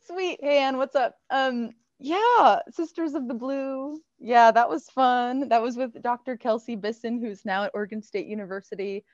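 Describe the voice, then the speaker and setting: A woman in her thirties, a marine researcher, answering questions on a video call, lively and full of fillers and laughs. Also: on the high side, no room sound. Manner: animated, laughs often, many fillers. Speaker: marine researcher guest speaker. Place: small indoor lab room. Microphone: wired earbuds on a video call. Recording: dull, dry video call audio.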